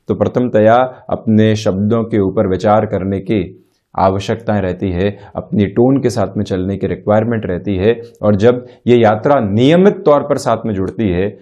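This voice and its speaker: A middle-aged male astrologer giving a spiritual self-help talk in a measured, formal way, mixing in English terms. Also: lowish voice, warm tone.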